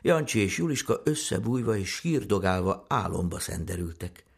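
A man narrating a fairy tale in a gentle, expressive storytelling manner. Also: lowish voice, breathy edge.

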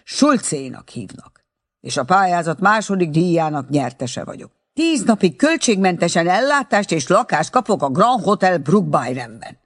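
A man voicing a dignified older gentleman who is taken for a poor guest and speaks firmly and indignantly. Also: high-pitched, sing-song, pitched above the performer's own voice, heavily acted. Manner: firm, indignant.

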